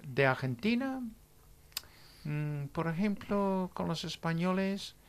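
A man in his sixties, an English native with an accent in Spanish, chatting as a radio guest in a halting way, often checking with "¿bien?". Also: sits high, expressive, smooth. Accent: English speaker in Spanish. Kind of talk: casual radio chat.

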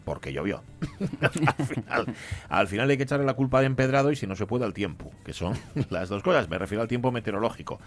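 A man's voice: fairly low pitch, lively intonation, fast, hardly any pauses, soft background music. A man hosting a radio show, chatting casually, joking and reading out listener messages. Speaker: radio host.

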